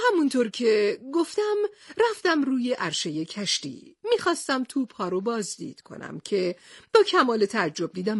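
A woman voicing a hot-tempered, blustering male sea captain in a storybook reading, with a husky voice and bossy outbursts. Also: a little high, no room sound, studio quality, exaggerated voice.

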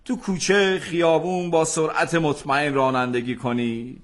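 Earnest higher-voiced male presenter. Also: fairly even intonation. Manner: earnest, pleading. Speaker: radio presenter. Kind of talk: friendly advice segment.

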